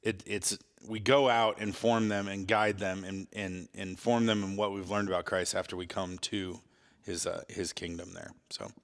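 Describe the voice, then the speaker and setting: A man with a fairly low voice hosts a casual podcast. He speaks in a large, reverberant space, so his words carry a long cave-like echo. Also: steady tone, moderate pace. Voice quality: echoey, cave-like sound. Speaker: podcast host. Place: large echoey room in a former monastery. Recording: echoey cave-like stone hall.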